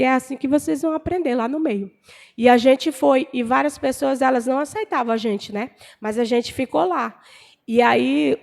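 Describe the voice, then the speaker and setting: A middle-aged Brazilian woman with a high voice gives a church testimony in an earnest, conversational way. She talks as if speaking to each person in the pews, dropping little asides to keep them with her. Her voice carries a long reverb through a church hall. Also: a little mellow. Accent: Brazilian Portuguese. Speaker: presbyter giving a testimony.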